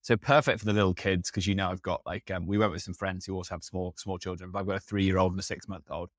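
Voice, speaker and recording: A man's voice: low-pitched, fairly even intonation, quick pace, no room sound, studio quality. A man in his thirties co-hosting a podcast, chatting casually and rambling with lots of fillers and restarts. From England. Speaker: podcast co-host.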